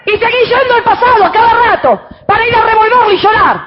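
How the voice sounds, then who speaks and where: A woman pastor with a Rioplatense Spanish accent preaching a fervent sermon, switching between shouted exclamations and quiet, intimate counsel. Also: very high-pitched, fast talker, lo-fi sound, very noisy.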